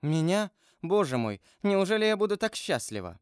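A male narrator lifts his voice to play a tender young woman in an audiobook, earnest and pleading. The voice sits well above his own and stays smooth and clean. The recording is close and dry. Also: lowish voice, sing-song, moderate pace, a little mellow, no room sound, pitched above the performer's own voice. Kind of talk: audiobook character voice.

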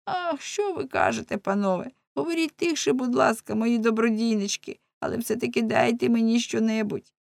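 A woman's voice: mid-range voice, very animated, moderate pace, a little mellow, no room sound, lightly acted. A woman voicing a cunning, playful young male rogue who mocks, wheedles and defies. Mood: wheedling. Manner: mocking, wheedling when begging, defiant. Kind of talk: audiobook character voicing.

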